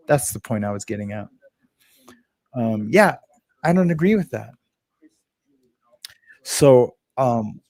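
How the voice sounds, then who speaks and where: A man's voice: on the high side, darkish tone, no room sound. A man hosting a casual livestream, rambling and restarting, greeting viewers from the chat. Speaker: livestream host.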